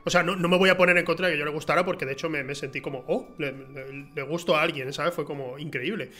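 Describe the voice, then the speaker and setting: A man's voice: a little high, fast. A young man with a Spanish accent, co-hosting a stream and telling a story with lots of laughter. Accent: Spain Spanish. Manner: animated storyteller, laughs often, acts out quoted voices. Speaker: co-host. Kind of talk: casual chat. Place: streaming studio.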